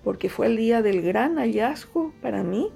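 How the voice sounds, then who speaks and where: A middle-aged writer, a woman with a Paraguayan Spanish accent whose first language is Guaraní, gives reflective interview answers slowly, often repeating phrases and using frequent fillers. Her slightly high voice is gravelly, dark and relaxed in its mellowness, with soft music faint underneath.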